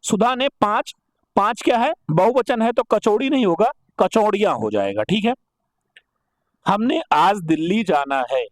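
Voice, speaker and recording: A man's voice: sits high, lively intonation, unhurried, no echo, studio quality. A man teaching an exam-prep Hindi grammar lesson. He asks rhetorical questions, answers them himself, and repeats each correct form for emphasis.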